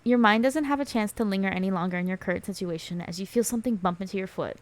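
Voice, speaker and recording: A woman's voice: medium pitch, fast. A woman on a casual gaming stream who reads game text aloud and laughs often between jokey asides.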